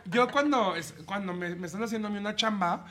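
Bright-voiced Mexican man telling crude stories. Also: sits high, brisk. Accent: Mexican Spanish. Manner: crude, laughing storyteller who acts out moans. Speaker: podcast co-host. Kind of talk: casual comedic chat.

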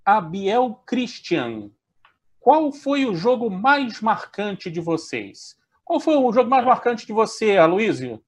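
A male interviewer with a high voice, upbeat and casual, reads out questions from viewers and keeps the talk moving. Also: very animated, slow.

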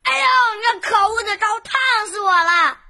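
A performer voicing a cheeky little boy in a children's story, bright and demanding. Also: extremely high pitch, expressive, a little slow, heavily acted. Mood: bratty.

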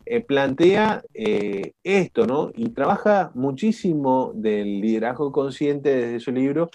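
A man with an Argentine accent teaching a live online coaching class, often asking the group questions. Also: mid-range voice. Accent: Argentine Spanish. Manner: lively, questioning the class, frequent "¿no?" and "¿sí?". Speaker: coaching instructor. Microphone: video call.

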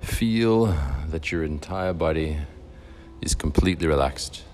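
A man leading a guided meditation in a slow, soft and soothing way. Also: extremely low pitch. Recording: faint music behind.

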